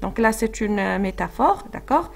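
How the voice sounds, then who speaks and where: A woman's voice: mid-range voice, expressive, normal speed, vocal fry, faint music behind. A woman French teacher, explaining a literary passage and checking in with her class. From Morocco. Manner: explanatory, checks with frequent "d'accord?"; hesitant, with fillers and restarts.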